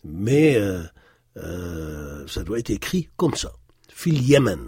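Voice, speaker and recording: A man giving a recorded language lesson, explaining patiently with many hesitations and slowly repeating words to model their pronunciation. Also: deep voice, big pitch swings, dark tone, husky, no echo, studio quality. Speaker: Arabic teacher.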